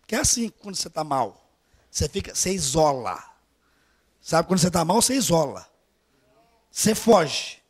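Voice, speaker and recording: A man with a Brazilian Portuguese accent preaching a storytelling sermon at a church service, swinging from hushed asides to loud urging. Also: a little high, big pitch swings, normal speed, long pauses, husky.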